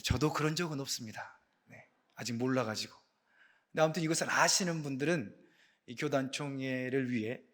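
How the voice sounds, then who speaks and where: A man serving as associate pastor, giving a casual sermon at a Friday night prayer meeting in a church, chatty and playful, often asking the congregation questions. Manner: lively swings in pitch and loudness for emphasis. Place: church sanctuary.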